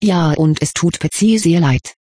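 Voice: mid-range voice, a little slow, mellow, breathy edge, dry recording, studio quality. A reader voicing a devoted little female house-elf who speaks of herself in the third person, in an audiobook. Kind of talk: audiobook character reading.

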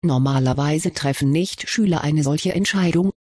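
A curious, kindly male wizard professor, as a reader puts him on, questions a student with mild amusement in an audiobook. The voice is husky and a little breathy. It sounds close and dry. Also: medium pitch, normal speed, dry recording, lightly acted. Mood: probing. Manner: gently questioning, mildly amused. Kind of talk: audiobook character reading.

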